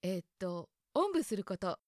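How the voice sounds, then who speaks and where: A woman's voice: medium pitch, sing-song, fairly quick, no room sound, clean studio sound. A young woman from Hokkaido hosting a casual solo talk show, chatting and musing aloud about words with a light laugh now and then. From Hokkaido, Japan. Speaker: podcast host.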